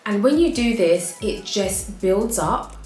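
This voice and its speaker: A woman's voice: medium pitch, animated, slow pace, a little mellow, reverberant, faint music behind. A woman with an African accent giving frank, chatty home decor advice in a casual vlog, laughing often.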